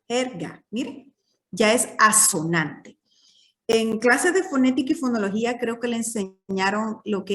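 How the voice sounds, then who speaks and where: A woman's voice: fairly high pitch, fairly bright tone, recorded from a distance. A woman teaching a literature class, explaining patiently and checking in with her students often.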